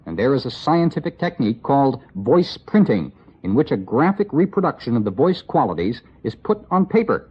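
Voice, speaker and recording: Husky-voiced man on an old radio report. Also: medium pitch, very animated, a little fast. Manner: wry, dry asides. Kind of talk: scripted radio report narration. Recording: lo-fi 1960s radio broadcast.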